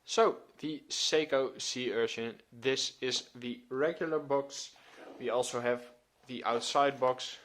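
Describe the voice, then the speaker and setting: A man of twenty hosting his own channel, giving a relaxed, filler-filled watch review. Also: medium pitch, slow. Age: 20s. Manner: relaxed, hesitant with many fillers. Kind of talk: casual video review.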